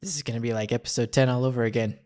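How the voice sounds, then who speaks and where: A man's voice: mid-range voice, fairly even intonation, rapid-fire, a little mellow. A man giving casual, informal and sweary reaction commentary while watching an anime film. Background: faint music from the film.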